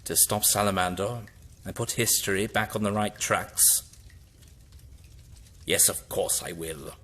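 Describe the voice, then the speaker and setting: An actor playing an eccentric, resolute time-travelling hero in an audio drama, theatrical and emphatic. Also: male voice, fairly low pitch, unhurried, a bit bright.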